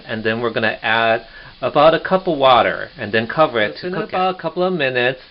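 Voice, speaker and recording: A man casually walking through a cooking demonstration step by step, chatty and relaxed, in his home kitchen. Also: medium pitch. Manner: chatty and relaxed, narrating each step as he goes. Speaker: home cook vlogger. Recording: dull lo-fi home video with faint noise.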